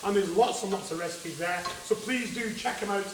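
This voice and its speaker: Man, co-presenter, enthusiastic, high voice, distant, echoey. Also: brisk, a little hiss or hum. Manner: enthusiastic, addresses "guys". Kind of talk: upbeat cooking show presenting. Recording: echoey kitchen, off-mic.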